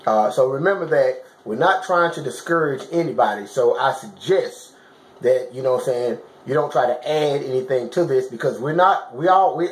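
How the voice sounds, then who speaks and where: A man giving casual motivational fitness advice to camera in colloquial, informal phrasing, emphatic and repetitive, often checking that listeners understand. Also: mid-range voice. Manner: emphatic, repetitive coaching with frequent check-in questions. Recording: roomy, echoing sound.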